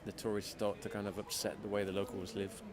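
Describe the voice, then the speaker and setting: A man's voice: lowish voice, little pitch movement, fast, crowd noise. A man chatting casually as an interview guest, self-deprecating and full of restarts. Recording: loud street and traffic noise.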